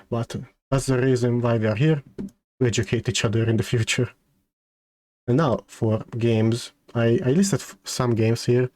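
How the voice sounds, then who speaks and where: A male streamer talks casually to his chat at an unhurried pace. His voice is soft-edged and mellow at a middle pitch, and he feels his way haltingly through sentences, repeating words. The sound is close and dry. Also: no room sound. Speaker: streamer hosting a debut stream.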